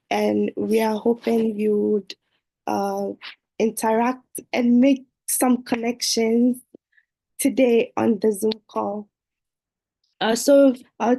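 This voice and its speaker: A woman's voice: a little high, warm tone, rough recording. A woman hosting an online dating show over a video call, speaking hesitantly with many fillers. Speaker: host.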